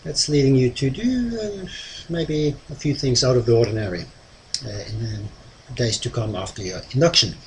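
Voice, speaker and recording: A man with a mid-pitched voice talks to viewers as a hypnotist, explaining in a conversational way. His delivery is halting, broken by pauses and filler sounds. Ambient noise is clearly present behind him. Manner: hesitant, halting delivery with frequent long pauses and ums. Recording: clearly noisy ambient background.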